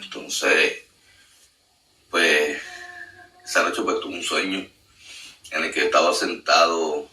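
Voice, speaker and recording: Earnest man, low voice, testimony; echoey room, distant mic, faint noise. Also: sharp tone. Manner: earnest, storytelling with many fillers. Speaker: guest sharing a testimony. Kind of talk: emotional spoken testimony.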